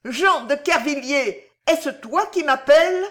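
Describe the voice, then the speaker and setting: An audiobook reader voicing a mad old bohemian woman who cries out in shrill, raving tones. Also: expressive, slow, fairly bright tone. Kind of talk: audiobook character voice.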